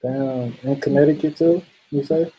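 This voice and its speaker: A man's voice: mid-range voice, steady tone, normal speed, mellow, husky, poor audio. A man hosting a casual late-night livestream, laid-back and laughing often as he reads out viewer comments. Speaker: livestream host.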